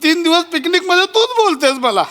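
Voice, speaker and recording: A man's voice: extremely high pitch, lively intonation, fairly quick, bright, forceful tone, in a large hall, exaggerated voice. A man acting an overweight husband hurt by his wife's teasing, whiny and stammering in a stage comedy sketch. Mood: sulking. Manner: wounded and whiny, stammering repeats. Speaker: comedic actor.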